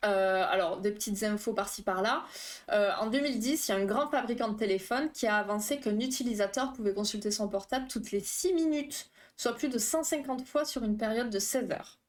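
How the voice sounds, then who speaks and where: A woman's voice: a little high, brisk. A woman therapist hosting a live stream, explaining phobias in a chatty, casual way with many fillers and asides to her chat.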